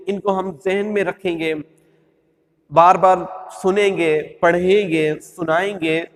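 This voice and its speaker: A man's voice: high-pitched, big-room sound. A man with a Pakistani Urdu accent teaching Quran letters, patiently repeating the rules and stretching out each letter sound. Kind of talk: step-by-step recitation lesson.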